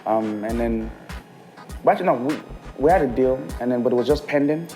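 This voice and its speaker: A guest musician in his thirties, raised in England and touched by speech, chats casually over soft background music. His medium-pitched voice is warm and a little fast, and he laughs often and mimics others' voices.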